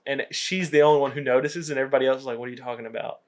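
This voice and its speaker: A man's voice: mid-range voice, rapid-fire. A young man co-hosting a podcast, casually retelling comedy movie scenes and acting out the lines. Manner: animated storytelling, acts out quotes. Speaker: podcast co-host.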